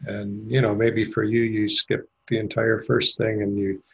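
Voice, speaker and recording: A man's voice: fairly low pitch, completely flat delivery, measured pace, creaky, husky, low-quality recording. A middle-aged man speaking on a handheld mic at a meditation meetup, rambling and candid with many fillers. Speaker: meditation group member. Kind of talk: group discussion share. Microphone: handheld mic passed around.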